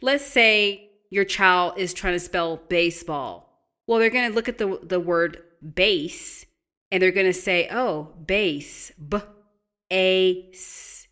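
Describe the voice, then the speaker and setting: A woman's voice: on the low side, unhurried, sharp tone, smooth. A middle-aged woman and teacher explaining spelling tips to parents in a patient, encouraging way, spelling words out letter by letter. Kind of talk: instructional talk to parents.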